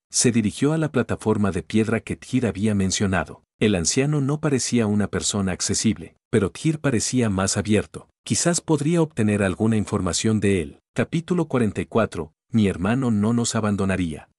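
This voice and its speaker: A man narrating an audio novel in a steady, measured reading. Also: lowish voice, no room sound, clean studio sound.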